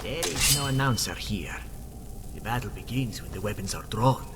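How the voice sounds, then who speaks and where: A man's voice: medium pitch, expressive, moderate pace, heavy background noise, natural voice. A man voicing a proud, self-assured cat-man pit fighter with formal speech in a fantasy video game. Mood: calm warning. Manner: formal, speaks of himself in third person.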